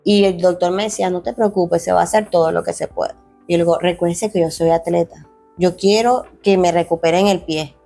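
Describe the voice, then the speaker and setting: A woman's voice: lowish voice, fairly even intonation, brisk, creaky, warm tone, soft background music. A young adult woman, a former athlete turned fitness coach, earnestly tells her life story in an interview, often restarting phrases and acting out quoted dialogue. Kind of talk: emotional personal storytelling.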